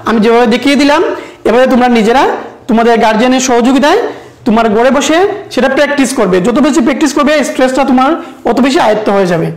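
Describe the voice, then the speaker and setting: A woman teaching an English lesson to young pupils, chanting rhymes slowly and asking coaxing questions. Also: high-pitched. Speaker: primary school English teacher. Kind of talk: televised classroom lesson. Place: school classroom or studio. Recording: roomy echo.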